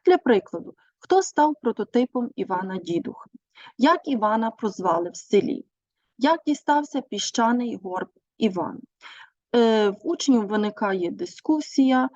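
A woman teacher giving a measured presentation on her teaching methods, pausing often with hesitations. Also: on the high side, darkish tone, no room sound. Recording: dull, dry recording.

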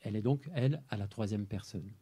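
A man presenting his translation work in a measured, explanatory talk, pausing over single words. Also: fairly low pitch, warm tone, slightly rough. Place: amphitheater.

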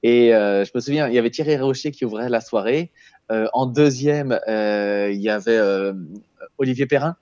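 Calling in by video from a small home room, a thirtysomething comic guest chats easily in a relaxed interview, full of laughter and filler words. His voice has a medium pitch and darkish tone at normal speed, and the earphone headset gives slightly dull call audio with no room sound.

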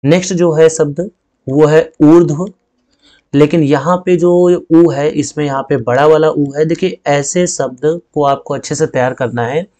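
A man's voice: fairly high pitch, steady tone, unhurried, dark tone. A man teaching a Hindi spelling lesson. He explains step by step and says each word twice. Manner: explains step by step, often adding "ठीक है" and repeating words.

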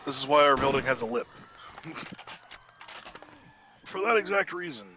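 A man's voice: medium pitch, animated, moderate pace, sharp tone, slight background noise. A man chatting casually and swearing while playing a co-op zombie game with friends. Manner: swears a lot, jokey. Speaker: game streamer.

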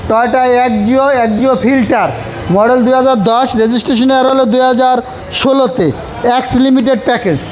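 A Bangladeshi man giving a used car salesman's pitch, repeating phrases for emphasis. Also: steady tone, moderate pace, rough recording. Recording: faint background noise.

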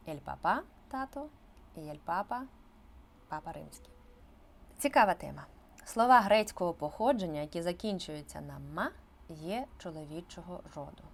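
A woman teacher explaining grammar in an online language lesson, stressing key words with lively emphasis. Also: lowish voice, a little hiss or hum. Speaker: Spanish teacher.

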